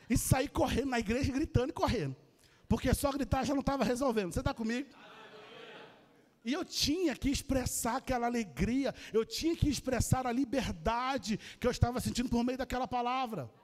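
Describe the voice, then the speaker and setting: Animated high-voiced Brazilian preacher. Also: male voice, a little fast, big-room sound. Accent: Brazilian Portuguese. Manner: animated storytelling, addresses the congregation. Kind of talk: sermon. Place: church.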